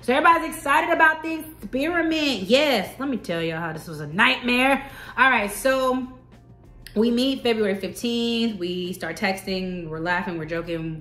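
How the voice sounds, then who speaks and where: A woman in her thirties tells a personal story in a casual, animated vlog, talking straight to her viewers. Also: mid-range voice, reverberant. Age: 30s. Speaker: vlogger telling a personal story.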